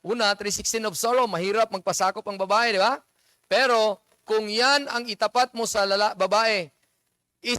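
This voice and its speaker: Isang lalaking pastor na nangangaral, palabiro, at naghahalo ng Tagalog at Ingles. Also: male voice, sits high, bright, forceful tone, no echo. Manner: playful, mixes Tagalog and English, jokes with the congregation. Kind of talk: sermon. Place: church.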